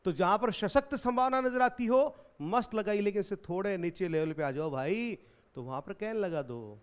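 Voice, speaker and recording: A man's voice: high voice, lively intonation, moderate pace, smooth. A man from India teaching an exam-prep English grammar lesson in Hindi, explaining and repeating questions back to his students.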